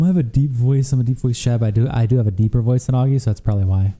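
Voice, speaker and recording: Days of streaming have left this young man tired as he hosts a livestream in a dark, medium-pitched voice. He goes through viewer comments casually, swearing and reacting to chat with quick asides.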